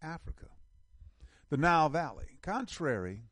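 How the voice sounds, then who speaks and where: A man's voice: on the high side, very animated, unhurried, a bit bright, no echo, clean studio sound. A middle-aged man from the United States hosting an online show, giving casual commentary while reading an article, emphatic and repeating phrases as he builds lists.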